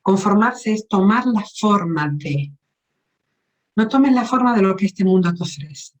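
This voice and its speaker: A woman's voice: medium pitch, lively intonation, a little slow, low-quality recording. A woman preaching a teaching sermon at a women's meeting, asking her listeners questions and explaining Greek words.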